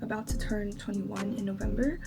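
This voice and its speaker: A beauty vlogger in her twenties, who grew up in China with Chinese as her first language, chats casually through her makeup routine, filling it with lots of likes and ums. Her medium-pitched voice is creaky, with fairly even intonation, and she talks a little fast. Background music plays under her voice.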